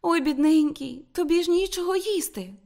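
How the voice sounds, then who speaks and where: A woman's voice: high voice, normal speed, voice pushed up. A woman voicing a prim, reproachful young lady. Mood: pleading. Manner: reproachful, pleading, raised and lively. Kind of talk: audiobook character reading.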